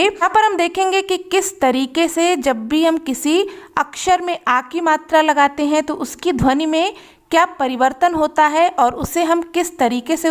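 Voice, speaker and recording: Slow, high-voiced woman teaching phonics. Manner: slow, patient, drawing out sounds. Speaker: Hindi reading teacher. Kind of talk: children's phonics lesson.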